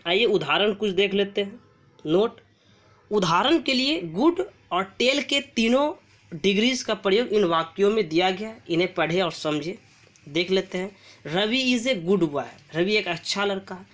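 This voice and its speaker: A woman's voice: medium pitch, lively intonation, moderate pace. A woman teaching English grammar, reading word lists aloud and asking and answering her own questions. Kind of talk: slow classroom-style grammar lesson.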